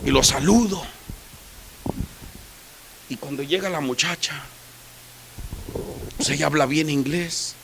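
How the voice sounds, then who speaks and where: A male pastor preaching a sermon, swinging from soft asides to loud shouted peaks. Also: a little high, slow pace, gravelly, long pauses, slight background noise.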